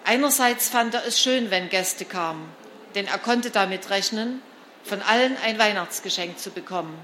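A woman narrating a children's storybook in an expressive, lively reading style. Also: mid-range voice, normal speed, a little hiss or hum. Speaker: storybook reader.

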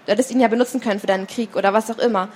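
A woman voicing a frantic, shrill woman at a live reading of a novel, her lines louder than the narration. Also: fairly even intonation, rapid-fire, close to an everyday voice. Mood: angry. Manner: panicked, pleading, then screaming. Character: frantic dark-haired woman, shrill and commanding. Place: book fair stand, indoors.

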